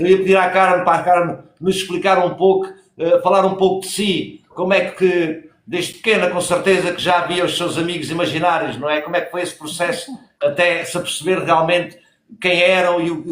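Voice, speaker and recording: A man's voice: a little high, fairly quick, a bit bright. A man hosting a podcast interview in a polite, formal way. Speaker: podcast host. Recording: echoey room.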